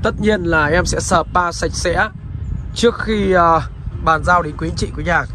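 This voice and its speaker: A man's voice: a little high, normal speed, background noise. A man narrating a used car sales walkaround, in a dealer's patter that keeps politely addressing the viewers. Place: outdoors beside and inside a car on a roadside.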